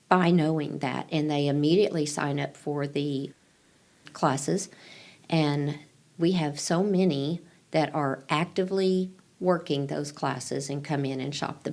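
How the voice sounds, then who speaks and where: Gravelly low woman, reassuring. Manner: reassuring, gentle, repeats key phrases. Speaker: pregnancy client advocate. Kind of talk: interview answers, counseling talk.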